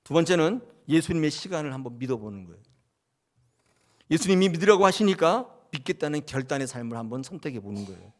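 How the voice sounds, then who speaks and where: A male pastor delivering a sermon in church, his voice rising and falling with great animation. He addresses the congregation with direct questions, pitched slightly high for a man.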